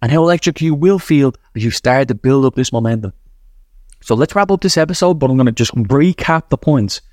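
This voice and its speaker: A man hosting a podcast, guiding a breathing practice and chanting affirmations in an energetic, rhythmic way. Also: medium pitch, a little fast, dry recording, studio quality. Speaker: podcast host. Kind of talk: motivational breathing guidance. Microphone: podcast microphone.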